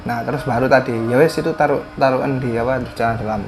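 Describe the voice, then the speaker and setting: A man's voice: medium pitch, steady tone, quick pace, music in the background. A man, a guest telling a story in casual talk, hesitant and full of fillers and restarts.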